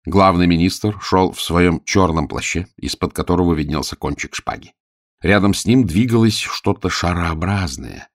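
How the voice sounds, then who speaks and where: A man narrating a fairy-tale audiobook with a husky, gravelly voice. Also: low-pitched, normal speed, dry recording, clean studio sound.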